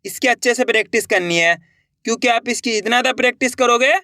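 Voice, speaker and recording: High-voiced man teaching spelling slowly. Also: bright, forceful tone, no room sound, studio quality. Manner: repeats each word, asks and answers his own questions. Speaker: Hindi writing teacher. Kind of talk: slow step-by-step spelling lesson.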